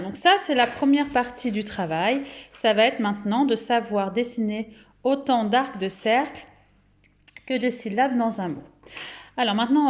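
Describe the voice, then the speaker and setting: A woman with a French accent giving a phonics lesson to young children at home, speaking patiently and clearly and drawing out each word's syllables. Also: fairly high pitch. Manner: slow, clear, patient, syllables drawn out and repeated. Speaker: kindergarten teacher.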